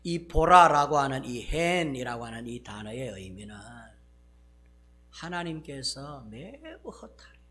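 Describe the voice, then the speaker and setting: A male pastor with a Gyeongsang accent preaching a sermon, acting out exclamations and swinging from loud bursts to hushed asides. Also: mid-range voice, big pitch swings, measured pace.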